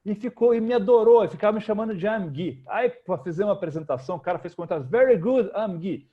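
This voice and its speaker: A man with a Brazilian Portuguese accent, a guest telling lively, slangy anecdotes in a casual interview. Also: sits high, rapid-fire, phone-quality sound. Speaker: guest, futurist.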